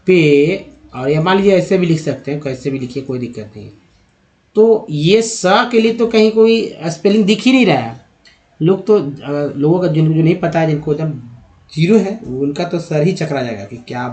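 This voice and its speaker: A man giving a spoken lesson on English spelling and pronunciation, who keeps asking rhetorical questions and answering them, and who repeats the sounds slowly. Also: a little high, darkish tone. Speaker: English teacher. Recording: dull lo-fi recording.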